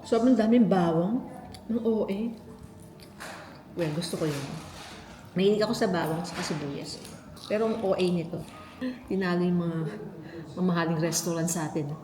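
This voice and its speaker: A woman's voice: fairly low pitch, steady tone, moderate pace, pauses often, reverberant, crowd noise. A woman with a Filipino accent chatting casually to viewers as a food vlogger, mixing languages as she eats and talks. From Philippines. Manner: chatty, eating while talking, code-switching. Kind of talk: casual food haul and mukbang chat to viewers.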